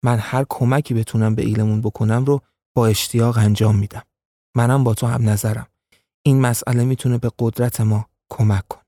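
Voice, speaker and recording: Man voicing a loyal tribesman, earnest, agreeable, mellow, dry. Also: medium pitch, fairly even intonation, no echo, natural voice. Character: loyal male tribesman, eager to serve.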